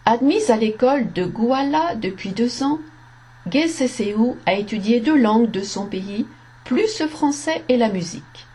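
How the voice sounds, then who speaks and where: Woman, storyteller, slow deliberate reading, somewhat high voice, measured delivery. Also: lively intonation, mellow. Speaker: narrator. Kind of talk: scripted narration of a story.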